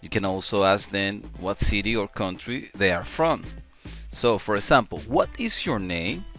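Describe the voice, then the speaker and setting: A man teaching a beginner English grammar lesson, repeating example sentences slowly and clearly. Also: fairly low pitch, expressive, fairly bright tone, soft background music. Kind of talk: slow classroom-style grammar lesson.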